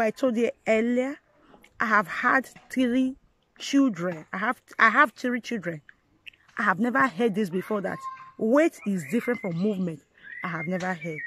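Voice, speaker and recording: A woman vlogger earnestly recounting her life story to viewers, talking in halting phrases that she often repeats and restarts. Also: a little high, a little hiss or hum, low-quality recording. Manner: earnest, addresses viewers directly. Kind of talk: personal storytelling to camera.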